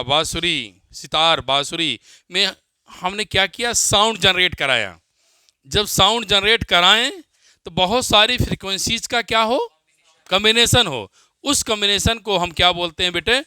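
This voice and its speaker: A man with an Indian accent teaching physics, dictating definitions slowly, repeating phrases and quizzing his students. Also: sits high, lively intonation, pushed and bright, clean tone, no echo. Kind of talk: classroom lecture with dictation.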